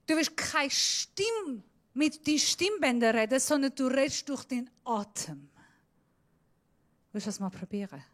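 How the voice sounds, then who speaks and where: Slow, dramatic, higher-voiced woman preaching. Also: very animated. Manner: dramatic, shifting between loud emphasis and hushed near-whisper; slips in Swiss German words. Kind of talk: sermon.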